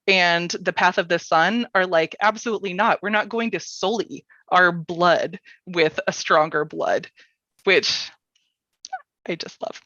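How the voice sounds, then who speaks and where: A woman hosts a casual storytelling workshop, joking playfully and sounding enthusiastic about her material. Her voice is lowish, unhurried, bright and forceful, picked up by a close but dull-sounding microphone with no echo.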